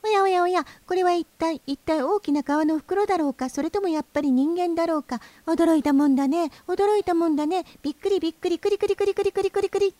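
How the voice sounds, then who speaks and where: A woman voicing a small, flustered reed warbler in a storybook reading, chattering in rapid, excited chirps. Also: very high-pitched, dry recording, voice pushed up. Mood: astonished.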